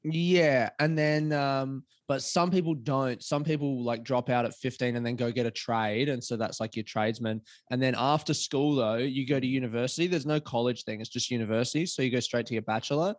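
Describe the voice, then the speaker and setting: A man's voice: mid-range voice, brisk, hardly any pauses, no room sound, studio quality. A young Australian man, a comedian chatting as a podcast guest, laid-back and swearing casually.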